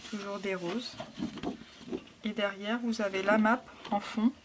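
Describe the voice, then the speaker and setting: Soft-spoken, hesitant woman unboxing craft supplies. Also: medium pitch, steady tone, a little slow, background noise. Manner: soft, hesitant, lots of fillers. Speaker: scrapbooking vlogger. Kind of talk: casual product haul. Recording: packaging crinkles and clicks behind.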